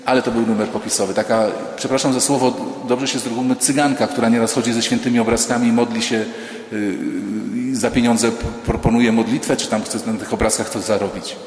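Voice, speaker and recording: A man, a priest, preaching a sermon in a lively storytelling way, acting out the voices of the people in his stories with humor. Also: mid-range voice. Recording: echoey church hall.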